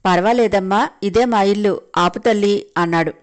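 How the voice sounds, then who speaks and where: A woman's voice: mid-range voice, moderate pace. A woman with a Telugu accent, narrating a family drama as a storyteller and lightly voicing each character in turn. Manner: voices each character lightly in quoted lines. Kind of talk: scripted audio story narration.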